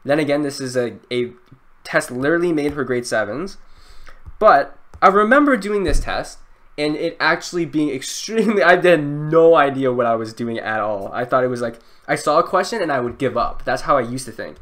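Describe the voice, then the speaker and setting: A young man thinking aloud through a timed test, frantic and self-mocking, now and then breaking into loud outbursts. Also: fairly high pitch, expressive, moderate pace. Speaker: youtuber.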